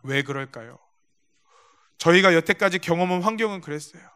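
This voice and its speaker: This male pastor's voice is high-pitched, bright and forceful, clean in tone and a little fast, as he delivers a sermon in a church sanctuary. He brings stories to life by acting out quotes and turns often to speak directly to the congregation.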